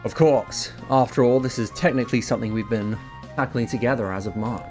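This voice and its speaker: A man's voice: mid-range voice, fairly quick, darkish tone, soft background music. A man hosting a let's-play, casually translating game dialogue aloud, loose and offhand with fillers. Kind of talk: casual live translation commentary.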